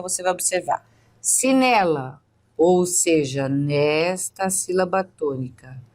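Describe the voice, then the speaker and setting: A woman with a Brazilian Portuguese accent giving an online exam-prep lesson, explaining step by step and often checking in with the viewer. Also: fairly low pitch. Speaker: teacher.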